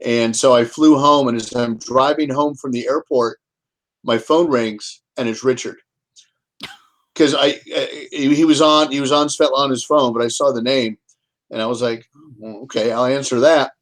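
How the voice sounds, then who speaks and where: Rambling middle-pitched man telling stories. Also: fairly even intonation, moderate pace. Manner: rambling, repeats words and restarts. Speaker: author and guest. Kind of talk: casual storytelling chat. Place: home, Kansas City.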